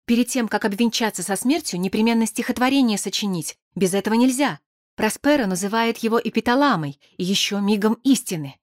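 A woman's voice: fairly high pitch, expressive, no echo, studio quality, voice pushed up, close to an everyday voice. A woman doing a weeping, frightened young man. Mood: fearful. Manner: sobbing, breathless, rushed.

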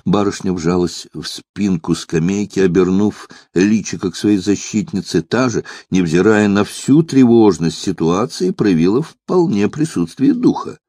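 Male audiobook narrator, low and animated, dramatic storytelling. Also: unhurried, hardly any pauses, slightly rough, no echo, studio quality. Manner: expressive, dramatic reading. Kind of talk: scripted narration.

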